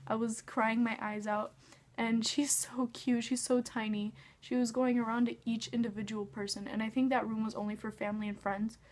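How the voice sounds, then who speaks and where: A teenage girl excitedly retelling a fan encounter in a vlog, acting out the quoted lines. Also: a little high, moderate pace. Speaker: vlogger. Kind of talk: storytime vlog.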